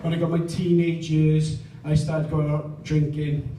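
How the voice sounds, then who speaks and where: A man's voice: a little high, completely flat delivery, a little slow, dark tone. A man in his thirties with a South Wales Valleys accent, performing live stand-up comedy. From Pontypridd, South Wales. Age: 30s. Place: indoor live gig venue. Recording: roomy, distant mic, faint noise.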